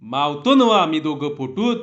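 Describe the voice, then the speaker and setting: A man's voice: fairly high pitch, very animated, normal speed, fairly bright tone. A man doing a naive village fellow in rustic dialect. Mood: naive wonder. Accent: rustic Marathi village dialect. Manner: wondering, bewildered questions. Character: simple stout village man, curious and naive. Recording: dull lo-fi recording.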